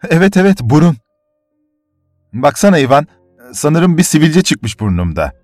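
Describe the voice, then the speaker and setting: A man voicing a vain, pompous middle-aged army major who exclaims loudly and boastfully. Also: fairly low pitch, animated, moderate pace, dry recording, clean studio sound, faint music behind, natural voice.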